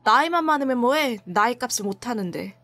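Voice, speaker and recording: A nagging, controlling young husband scolds with open contempt, as a woman reads his lines in a storytelling video. The voice stays high and light, with soft music underneath. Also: animated, brisk. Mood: scornful.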